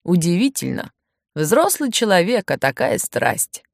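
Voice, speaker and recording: A woman's voice: fairly low pitch, sing-song, a little slow, vocal fry, no room sound, clean studio sound, heavily acted. A woman voicing an amused, knowing grown man in a storybook reading, with a wry, explaining tone.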